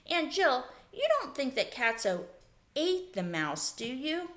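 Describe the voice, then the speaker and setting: An eager little girl, as a woman reading aloud puts her on, piping up in a very high, squeaky voice that leaps up and down as she calls. She sounds like a child in a read-aloud storybook. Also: very animated, slow pace, a bit bright, exaggerated voice. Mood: worried. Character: excited young girl calling a lost mouse.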